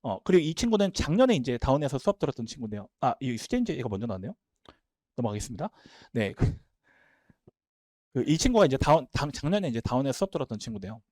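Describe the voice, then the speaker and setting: A man's voice: medium pitch, no echo, studio quality. A man who teaches Korean language, giving an emphatic talk at an admissions seminar. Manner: emphatic, talks fast and animated.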